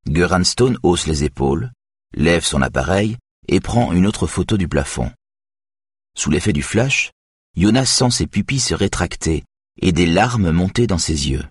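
Brief: low, husky male narrator, steady reading, dry booth sound. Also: no echo. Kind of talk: audiobook narration.

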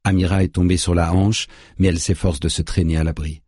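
A man narrating an audiobook in a grave, measured way, recorded on a close studio mic. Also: sits low, steady tone, a little mellow, breathy edge, dry recording.

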